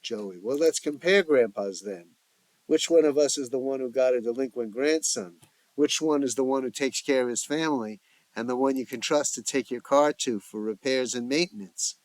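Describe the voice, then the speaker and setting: A man doing a gruff hot-headed father. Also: mid-range voice, normal speed, a little mellow, dry recording, close to an everyday voice. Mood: combative. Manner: blustering, combative. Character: gruff blue-collar father, quick-tempered.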